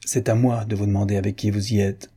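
A man's voice: lowish voice, flat delivery, dark tone, slightly rough. A man doing a flustered, jealous baron. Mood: exasperated. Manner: halting, exasperated.

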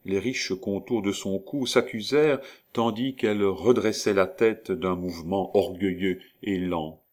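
A man reading a novel aloud in a measured, dramatic storytelling manner. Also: low voice, darkish tone. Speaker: narrator. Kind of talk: scripted narration of a novel.

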